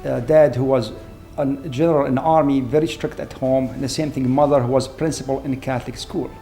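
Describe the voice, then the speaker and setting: Man, fifties, warm mellow tone, earnest and measured, soft music behind. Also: medium pitch, fairly even intonation. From Syria. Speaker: award-winning trauma surgeon. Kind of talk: reflective interview. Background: soft background music.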